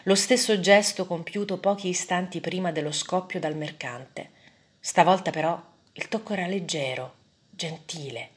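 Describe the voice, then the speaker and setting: Give me a woman with a lowish voice reading a first-person story with measured drama.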